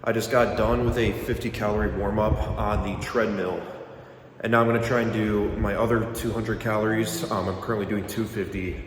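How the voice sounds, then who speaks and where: A man's voice: lowish voice, fairly even intonation, a little fast, slight background noise. A young man talking casually to camera in a bodybuilding vlog, a little out of breath, rambling with many ums and likes. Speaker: bodybuilding vlogger.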